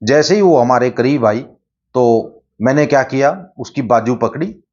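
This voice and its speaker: A man's voice: mid-range voice, expressive, a little slow, a little mellow. A man casually telling a story he dreamed, talking plainly and checking in with his listeners often. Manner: plain conversational, many "theek hai" asides. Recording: slightly dull lo-fi recording.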